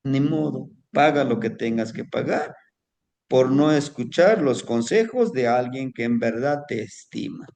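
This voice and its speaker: A man's voice: medium pitch, lively intonation, measured pace, gravelly, a little mellow. A man voicing a wise, patient male donkey who earnestly warns his friend in a told folk tale. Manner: earnest, admonishing.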